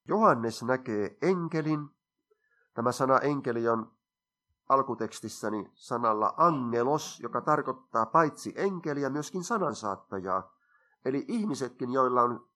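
Bright-voiced older man preaching. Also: medium pitch. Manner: earnest, explaining scripture point by point. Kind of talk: sermon.

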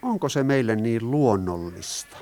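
A man's voice: mid-range voice, lively intonation, mellow. A man preaching a sermon, stressing his points and putting rhetorical questions to the congregation. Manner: asks the listeners rhetorical questions, rises and falls in emphasis.

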